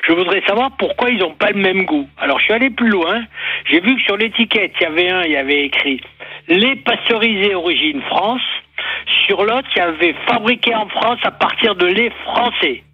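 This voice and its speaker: Man calling in, husky higher voice, muffled line. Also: animated, brisk. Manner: precise, long-winded. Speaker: caller.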